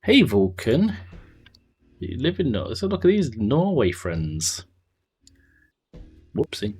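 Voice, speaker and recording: Over faint music, a man with a medium-pitched, slightly rough and mellow voice swoops wildly in pitch while taking his time. He's casually live-streaming a building game, musing aloud, letting sentences trail away, and responding to viewers.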